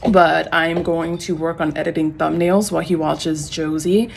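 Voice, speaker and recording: A young woman vlogging casually to her phone camera at home, rambling with lots of fillers and rushing when nervous. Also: low voice, fairly even intonation, creaky, slight background noise. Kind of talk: casual vlog talk to camera. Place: home, on a couch.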